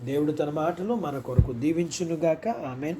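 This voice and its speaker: A man with a Telugu accent giving a morning devotional sermon and prayer, speaking in measured phrases with pauses. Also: a little high, warm tone, a little hiss or hum. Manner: slow, measured preaching with pauses between phrases. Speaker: preacher.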